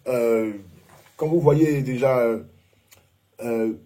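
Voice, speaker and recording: A man's voice: mid-range voice, extremely slow, dark tone, slightly rough. A man giving an informal Bible and Hebrew lesson over slides, who often hesitates and keeps checking in with his listeners. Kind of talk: informal teaching talk with slides.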